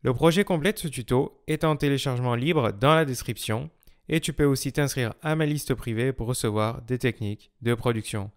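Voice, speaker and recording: A man's voice: medium pitch, brisk. A man narrating a music production tutorial in a scripted style.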